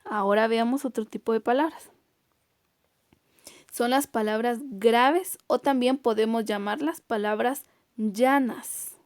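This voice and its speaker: A woman teacher giving a recorded online class, explaining carefully and stretching example words out slowly to show where the stress falls. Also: on the high side, darkish tone, no room sound, clean studio sound.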